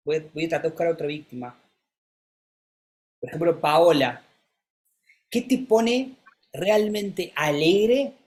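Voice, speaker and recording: Voice coach running a masterclass, middling pitch, switches tone and speed to show off examples, keeps checking in with students. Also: darkish tone. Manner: demonstrative, shifts pitch and pace to illustrate; coaxing, calls on students by name. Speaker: speaking coach. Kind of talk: live masterclass teaching.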